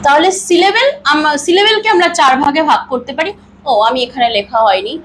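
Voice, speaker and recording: A woman teaching an English grammar lesson, asking and answering her own questions and drawing out example words slowly syllable by syllable. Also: high-pitched, very animated, fairly bright tone, slight background noise, rough recording. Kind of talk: classroom-style grammar lesson.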